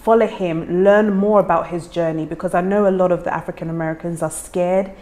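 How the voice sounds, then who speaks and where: A woman from Ghana, raised in the UK, hosting an interview and encouraging her guest with warm, frequent agreement. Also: lowish voice, steady tone, a little fast. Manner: warm, encouraging, lots of backchannel. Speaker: host.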